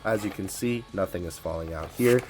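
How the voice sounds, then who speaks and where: Excited man hosting an unboxing. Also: low voice, a little fast. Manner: excitable, stumbles over words, laughs often. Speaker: toy unboxing host. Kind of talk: casual unboxing chat.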